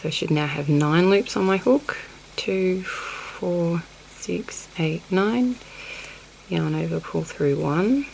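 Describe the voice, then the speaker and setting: A woman's voice: lowish voice, slow, creaky, a little mellow, slight background noise, poor audio. A woman with a cold, teaching a crochet technique over close-up shots of her hands, counting stitches under her breath and apologizing in asides. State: sniffly with a cold. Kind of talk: hands-on craft tutorial.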